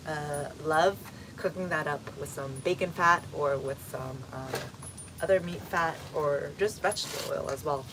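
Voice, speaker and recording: A woman's voice: sits low, background noise. A woman from Texas hosting a casual garden livestream outdoors, chatting and answering viewer comments one by one with fillers. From Texas, United States.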